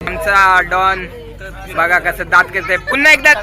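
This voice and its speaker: Young guy vlogging on a bus, kinda high voice, talks nonstop showing everyone around, lots of people chattering behind. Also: animated, a little slow, a crowd in the background. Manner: chatty, keeps pointing things out to viewers. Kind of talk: casual vlog narration. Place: inside a moving bus. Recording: phone recording in a noisy, crowded bus. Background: chattering passengers on the bus.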